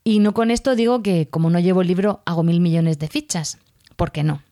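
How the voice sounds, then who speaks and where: A woman's voice: lowish voice, brisk, dark tone, no echo, studio quality. A woman teacher, talking casually in a podcast monologue, rambling with fillers and self-corrections. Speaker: primary school teacher podcaster.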